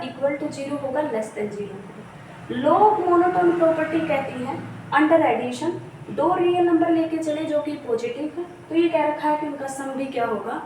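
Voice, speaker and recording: A woman teacher explains a math lesson step by step, repeating key terms and asking questions she answers herself. Her voice sits high and her delivery is slow and measured. She sounds set back from the mic in a very echoey room with faint background noise. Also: a little mellow, far from the mic. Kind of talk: exam-prep lecture on real analysis.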